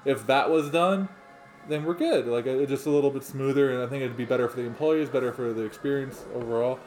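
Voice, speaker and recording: A man's voice: mid-range voice, quick pace, a little mellow, a little hiss or hum. Rambling man chatting on a podcast. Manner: rambling, many ums and restarts. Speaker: podcast co-host. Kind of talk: casual chat.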